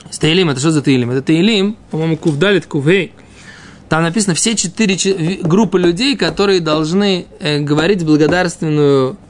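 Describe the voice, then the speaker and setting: Guy with a high voice teaching scripture class, reads then explains bit by bit, keeps asking little check questions. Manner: explains in fragments, often adds checking questions. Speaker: religion teacher. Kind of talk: informal Talmud lesson, reading and explaining.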